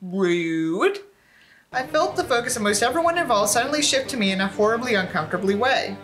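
A young adult woman, a video creator, reads a book aloud dramatically and keeps interrupting with sarcastic, exasperated remarks. Her voice is a little high, expressive and fairly bright, her pace brisk, with faint music behind.

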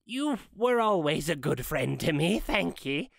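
A timid old skinflint, put on by a man, stammers and pleads with a quavering nervousness. His voice sits high and comes out slowly. The sound is close and dry. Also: sing-song, vocal fry, no echo, exaggerated voice. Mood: nervous pleading. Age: older. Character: frightened old miserly businessman. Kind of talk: dramatized classic story reading.

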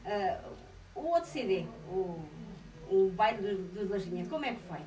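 A middle-aged woman with a European Portuguese accent hosting a local radio interview, lively and affirming while taking calls. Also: mid-range voice, moderate pace, reverberant, recorded from a distance, low-quality recording. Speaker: radio presenter. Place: small radio studio. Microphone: studio mic with headphones.

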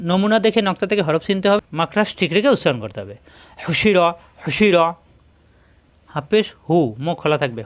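A man teaching Quran reading step by step, spelling out each letter and vowel mark, then repeating each word slowly. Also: on the high side, a bit bright. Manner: repeats the same reminder again and again. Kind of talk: step-by-step recitation lesson.

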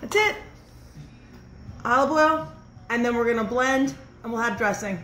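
Bright-ish and fairly high, her voice moves at a moderate pace as this thirtysomething chef gives a chatty, upbeat home-kitchen demo sprinkled with fillers. A camera in front at mid-distance records roomy echo, music and slight background noise.

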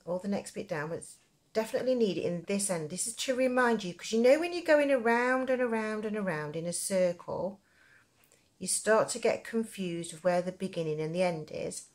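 Animated and a little mellow, a woman at medium pitch and moderate pace hosts a casual crochet tutorial. She comes from Nottingham, England, has the local accent, and wanders chattily through her explanations.

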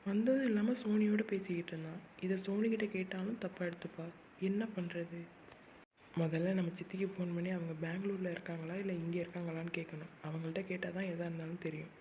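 A woman voicing a worried teenage girl thinking quietly to herself in a cartoon. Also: lowish voice, fairly even intonation, quick pace, slight background noise, pitched below the performer's own voice, close to an everyday voice. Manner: quiet inner thoughts.

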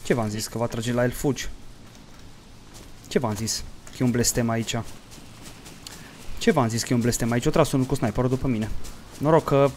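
A man's voice: mid-range voice, pauses often, a little mellow, a little hiss or hum. Foul-mouthed gamer man. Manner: profane, hot-tempered outbursts between mumbled play-by-play; jokey mock-dramatic storytelling to viewers. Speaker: gaming streamer. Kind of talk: let's play commentary.

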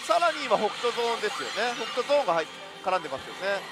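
High-pitched man commentating over pachinko music. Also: very animated, fast. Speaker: pachinko show host. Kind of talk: live play-by-play commentary on a pachinko game. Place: busy pachinko hall, indoors. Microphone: headset. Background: loud game-machine music.

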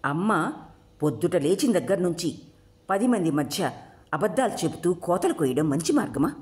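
Woman doing a fierce teen girl yelling back at her folks, loud and sharp. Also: fairly low pitch, big pitch swings, normal speed. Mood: defiant. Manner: shouting back in anger. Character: defiant rebellious teenage girl Shabari.

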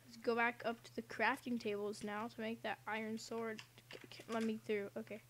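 A woman's voice: on the high side, flat delivery, fairly quick, a bit bright, slight background noise. Giggly young woman rambling through gameplay. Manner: rambling, giggly, silly asides. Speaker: gaming channel host. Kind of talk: casual gameplay commentary. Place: home.

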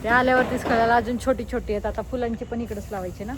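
A woman's voice: fairly high pitch, fairly even intonation, fast, noisy background. A young woman, chatting casually in a family vlog and teasing the kids. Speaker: vlogger.

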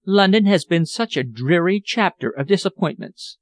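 Man doing a refined, sorrowful lady in an audiobook, raised and lively, dry and close. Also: high-pitched, normal speed, no room sound, voice pushed up. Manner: earnest, genteel, sorrowful. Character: anxious refined English lady, grieving. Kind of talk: audiobook character voice.

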